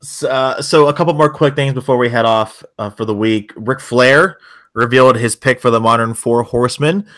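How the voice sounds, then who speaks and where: A man's voice: medium pitch, normal speed, fairly bright tone. A man co-hosting a casual wrestling-news podcast, leading segments with wry, sarcastic asides. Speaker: co-host.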